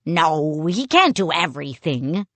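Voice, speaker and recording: A woman's voice: low-pitched, sing-song, fairly bright tone, dry recording, voice pushed down, exaggerated voice. A woman doing a bickering sailor head. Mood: contrary. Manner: slow, stubborn bickering. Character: quarrelsome male sailor head, two-headed.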